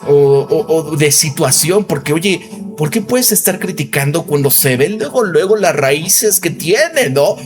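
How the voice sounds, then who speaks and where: A Mexican man in his thirties hosts a casual commentary channel video, rambling and throwing in tag questions in Mexican Spanish. His voice is a little high and expressive, a little slow, and heard over music.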